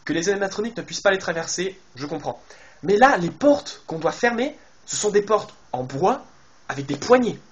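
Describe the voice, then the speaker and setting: A man talks through a game trailer in a loose, casual way, speaking straight to his viewers. He thinks out loud, filling gaps with hesitations and starting sentences over. His voice sits a little higher than most men's. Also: lively intonation, fairly quick. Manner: chatty, thinks aloud with many fillers and restarts; addresses viewers directly. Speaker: video game YouTuber. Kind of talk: casual trailer analysis commentary.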